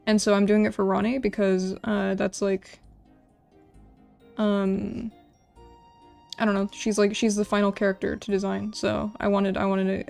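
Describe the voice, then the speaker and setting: A woman with a mid-range, gravelly, slightly mellow voice chats informally on a livestream as she draws and designs game characters. She rambles and repeats words while thinking out loud, reading out and answering chat messages.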